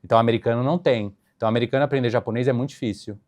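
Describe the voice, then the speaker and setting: Brief: young Brazilian man, flight attendant guest, chatty and animated, mid-pitched voice. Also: racing. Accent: Brazilian Portuguese. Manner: animated storyteller, laughs often. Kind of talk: casual interview chat.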